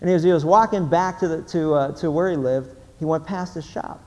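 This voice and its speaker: A man's voice: a little high, fairly quick. A middle-aged man preaching a sermon, telling stories and acting out the people in them. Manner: storytelling, animated, acts out the people in his stories. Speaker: pastor. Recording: long hall reverb.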